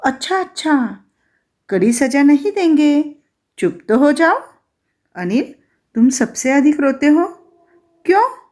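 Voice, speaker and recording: A woman's voice: fairly high pitch, sing-song, measured pace, warm tone. A woman teacher voicing a stern female night queen who judges and scolds children in a storybook reading. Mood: soothing. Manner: scolding, commanding.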